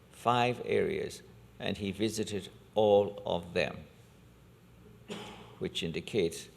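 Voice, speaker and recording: A man with a very low voice speaks as a priest from the altar. His delivery is measured and solemn, as in a liturgical reading or homily. Long cathedral reverb trails each phrase. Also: creaky. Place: large reverberant church during Mass.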